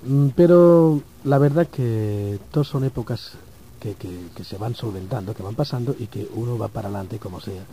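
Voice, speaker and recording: A man's voice: mid-range voice, normal speed, creaky, dark tone, slight background noise, rough recording. A man from Barcelona with a Spanish accent, a singer guesting on a radio show, talking modestly and rambling with fillers. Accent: Spanish from Spain. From Barcelona, Spain. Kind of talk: radio interview. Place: radio studio in New York.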